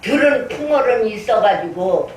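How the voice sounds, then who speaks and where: A woman's voice: fairly high pitch, expressive, moderate pace, a little mellow. An older woman pastor preaching a sermon, earnestly telling her own story and acting out her prayers. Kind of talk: sermon with personal testimony. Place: church sanctuary. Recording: echoey room, distant mic, faint noise.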